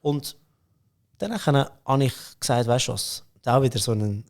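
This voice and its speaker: A Swiss German–accented, middle-aged company CEO chats as a podcast guest, telling stories in an unhurried, medium-pitched voice. He's casual and talkative, laughing often and filling his speech with fillers and restarts.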